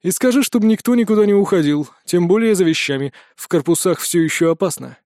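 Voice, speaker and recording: A man voicing a calm, practical male academy official who speaks in a matter-of-fact, reassuring way. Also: sits high, quick pace, dry recording, clean studio sound.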